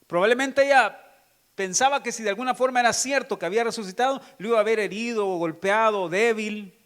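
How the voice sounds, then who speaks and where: High-voiced man preaching a sermon. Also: fairly quick, a bit bright. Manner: preaching with rhetorical questions to the congregation. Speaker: pastor.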